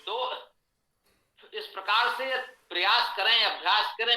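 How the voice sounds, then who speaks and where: A man teaching a Sanskrit pronunciation lesson, explaining slowly and patiently with much repetition. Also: high-pitched, sharp tone, reverberant, low-quality recording. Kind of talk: online lesson lecture.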